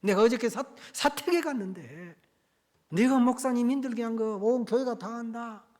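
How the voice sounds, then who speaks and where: A man voicing a stern older church deaconess who scolds someone over the phone, in a rising, forceful way. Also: extremely high pitch, normal speed, voice pushed up. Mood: scolding.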